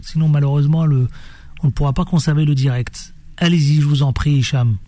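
A man hosting a radio show, talking in a playful, animated way and jumping from topic to topic. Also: fairly high pitch, fairly quick, no room sound. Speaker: radio host. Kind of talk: lively radio show chat. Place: radio studio.

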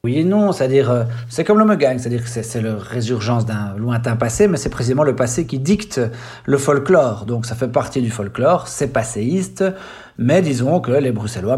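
A man's voice: medium pitch, darkish tone. A man speaking as an expert guest, giving reflective interview commentary.

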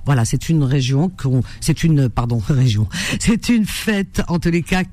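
A woman from Algeria hosts a radio classified-ads show, chatting warmly with lots of fillers and repetitions. Her voice is deep and animated, moving a little slowly.

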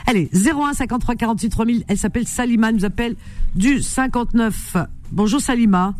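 A woman hosting a call-in radio show, animated, indignant and teasing with her callers. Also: fairly high pitch, quick pace, slight background noise. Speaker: radio host.

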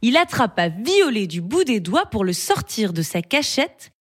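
A woman narrating a children's story in an expressive, melodic reading. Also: a little high, unhurried. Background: background music.

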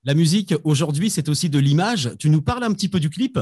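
A man hosting a music podcast, delivering prepared introductions and questions in a smooth, scripted way. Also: on the high side, animated, fast talker, a little mellow, no room sound, clean studio sound. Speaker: host. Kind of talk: scripted radio-style questions.

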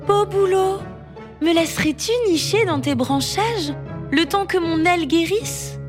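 Woman voicing a timid little bird with a very high, pleading voice; storybook, music underneath. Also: unhurried. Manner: polite, pleading.

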